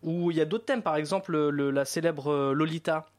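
A man hosting a casual talk show, halting often with fillers as he goes. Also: a little high. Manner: hesitant, many fillers. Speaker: host. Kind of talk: casual chat.

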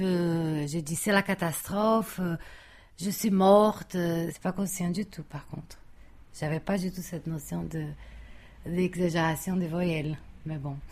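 A woman's voice: fairly low pitch, darkish tone. A woman from Brazil, a native Portuguese speaker with a Brazilian accent, chatting in French and stretching her vowels expressively. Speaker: guest. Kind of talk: casual conversation.

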